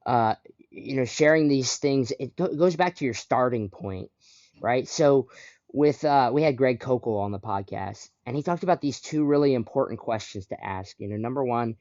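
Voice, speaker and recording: A man's voice: mid-range voice, moderate pace, a little mellow, dry recording. A male podcast host who affirms his guest and leads the talk with follow-up questions. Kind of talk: conversational podcast interview. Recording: dry, dull lo-fi audio.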